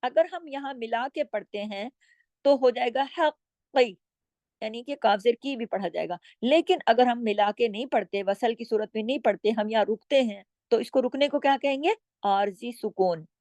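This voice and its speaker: A woman's voice: fairly high pitch, darkish tone, no echo. Patient woman teaching recitation rules. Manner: patient, explanatory, checks in with "okay?"; draws out words slowly when demonstrating. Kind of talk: recitation lesson with slow demonstrations.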